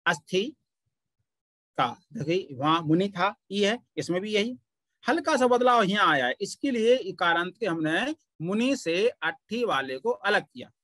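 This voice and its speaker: A man teaching a Pali grammar class, explaining patiently and pausing often to point things out. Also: sits high, expressive, bright, forceful tone, no room sound. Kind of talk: online grammar lesson.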